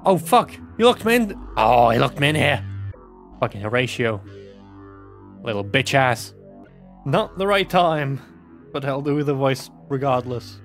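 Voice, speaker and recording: A man doing let's play commentary on a horror game, animated and playful, swearing a lot. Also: mid-range voice, a little slow, pauses often, faint music behind. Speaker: gaming channel host.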